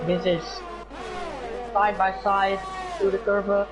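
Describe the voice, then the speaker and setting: A frantic, excited commentator calling a live sim race, repeating phrases in the excitement. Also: medium pitch, slow, over music. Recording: noisy track ambience behind voice.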